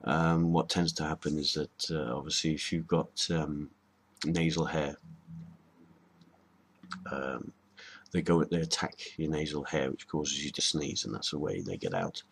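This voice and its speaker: Brief: man, very low and husky voice, rambling casual monologue host. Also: unhurried. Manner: rambling, hesitant, with frequent ums and restarts. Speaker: video host.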